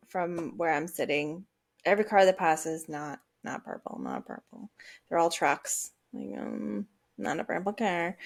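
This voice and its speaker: Animated woman telling a personal story. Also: mid-range voice. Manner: animated, swears freely, acts out her own reactions; checks in with the listener often. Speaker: podcast host. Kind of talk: casual storytelling.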